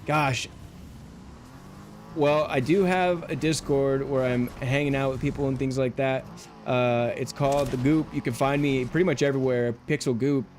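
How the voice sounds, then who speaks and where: Over a headset mic on his livestream, a man makes relaxed, meandering conversation with viewers as he plays, dropping plenty of fillers. His voice is mid-range and slightly dark, with fairly even intonation at a moderate pace. There's slight background noise.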